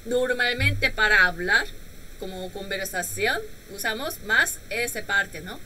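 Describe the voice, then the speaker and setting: Korean woman teaching, bright lively voice. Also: medium pitch, a little hiss or hum, rough recording. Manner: patient, repeats phrases slowly with questioning "¿no?". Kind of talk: live-streamed language lesson. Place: home room.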